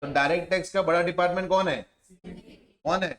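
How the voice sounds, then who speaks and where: A man, teaching a tax class and quizzing students with repeated questions, sometimes dropping to a soft, low voice for asides. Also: steady tone, brisk. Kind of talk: classroom lecture. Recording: echoey room.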